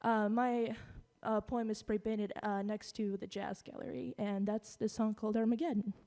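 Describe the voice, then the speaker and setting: A young woman from Russia, talking on stage between songs in a halting way full of fillers, recorded in a hall. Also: medium pitch, flat delivery, warm tone. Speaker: singer-songwriter performing. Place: live event in a hall. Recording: long hall reverb with guitar behind.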